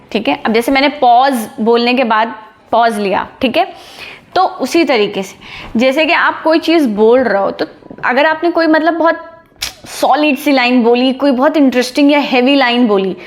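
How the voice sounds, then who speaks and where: High-voiced, lively woman speaking coach. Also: moderate pace. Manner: energetic, chatty, asks "ठीक है?" after each point. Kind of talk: casual teaching talk to camera.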